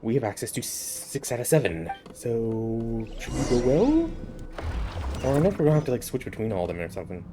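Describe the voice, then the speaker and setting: A man's voice: medium pitch, very animated, brisk. A man giving casual commentary as he plays through a video game. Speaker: gamer playing through a story chapter. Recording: game music behind.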